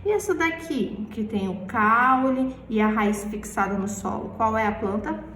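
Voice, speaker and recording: A Brazilian woman teaching a primary class, asking questions and answering them herself while stretching the key words slowly. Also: fairly high pitch, expressive, fairly bright tone, slight background noise. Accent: Brazilian Portuguese. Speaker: schoolteacher. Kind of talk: recorded remote class lesson. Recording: echoey room, voice far from the mic.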